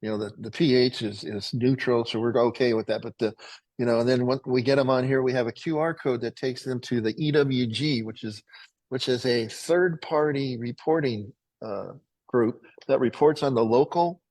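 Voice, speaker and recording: A middle-aged man who founded a water filtration company, pitching it to plumbers on a webinar in a folksy, rambling way that keeps correcting itself. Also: normal speed, a little mellow, no room sound, rough recording.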